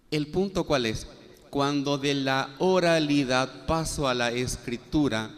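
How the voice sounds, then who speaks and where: A man giving a classroom lecture, spelling out letters one by one with many "eh" fillers. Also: mid-range voice. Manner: explanatory, spells out letters one by one, frequent "eh" and "este". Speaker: guaraní language teacher. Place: classroom with students. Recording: long reverb in a hall.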